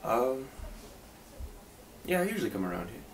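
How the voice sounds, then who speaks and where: A man in his twenties playing a shy, awkwardly flirting guy in a role-play, halting as he nervously laughs off his awkwardness. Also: medium pitch, very animated, natural voice. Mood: shy, hesitant. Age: 20s. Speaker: solo role-play performer. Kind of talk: spoken role-play to the listener, casual small talk. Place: indoor room at home. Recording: distant mic, clearly noisy room.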